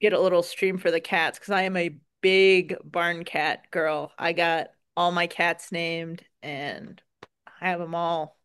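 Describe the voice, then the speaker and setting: Smooth-voiced Wisconsin woman. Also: fairly low pitch, level tone, a little slow, fairly bright tone. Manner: earnest, folksy, with many "um"s. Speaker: dairy farmer and co-op member. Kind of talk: interview answers.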